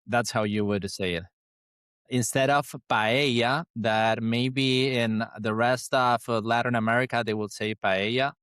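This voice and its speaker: Podcast host, man, Argentine Spanish accent, smooth and crisp tone, stop-start delivery. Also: medium pitch, steady tone, fairly bright tone, no echo. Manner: halting, many restarts. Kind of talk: casual interview chat.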